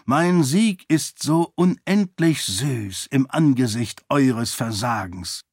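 A man's voice: medium pitch, lively intonation, takes it slowly, a little mellow, no room sound, studio quality. A man voicing a sinister whispering zealot priest. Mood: gloating, menacing. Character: small, fanatical male priest, sinister and gloating.

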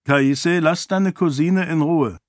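A man voicing a stern but motherly older noblewoman, calm and reassuring, in an audiobook. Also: mid-range voice, moderate pace, dry recording, clean studio sound, natural voice.

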